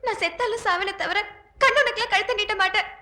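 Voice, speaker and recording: A woman's voice: very high voice, fast, bright, forceful tone. An actress playing a desperate young woman who is being forced into marriage, pleading tearfully. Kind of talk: 1990s film drama dialogue.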